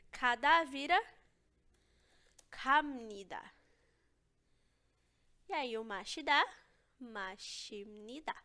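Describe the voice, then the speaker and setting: A woman's voice: on the high side, a bit bright. A young woman teaching an online language lesson, explaining step by step and checking in with her students often. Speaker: Korean teacher.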